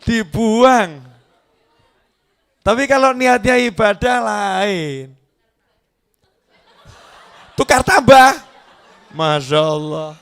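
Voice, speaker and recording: A man's voice: sits high, takes it slowly, pauses often, clean tone. A man preaching a humorous sermon, teasing his audience. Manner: lively, joking, teasing the audience.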